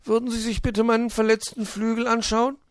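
A man's voice: very high-pitched, level tone, a little fast, no room sound, studio quality, voice pushed up. A man doing a chirpy little blue bird. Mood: whiny. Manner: chirpy, pleading, whiny. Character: small blue male bird, cheeky and eager.

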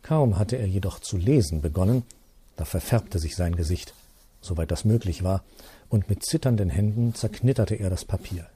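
A man reading a classic story aloud in a calm, measured way. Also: sits low, slight background noise. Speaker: audiobook reader. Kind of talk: literary reading.

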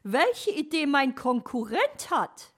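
A woman voicing a nosy, scheming female magpie in a storybook, shrill and teasing. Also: sing-song, takes it slowly, exaggerated voice. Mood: smug.

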